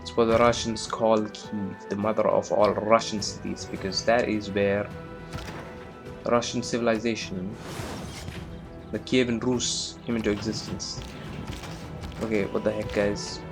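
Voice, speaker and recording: A man with a fairly low voice gives casual commentary on a strategy game. He rambles and stumbles over his words, filling gaps with ums and uhs, and often pokes fun at himself. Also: level tone, measured pace, pauses often, over music. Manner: rambling, self-deprecating, many fillers. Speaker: gameplay commentator. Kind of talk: casual let's-play commentary.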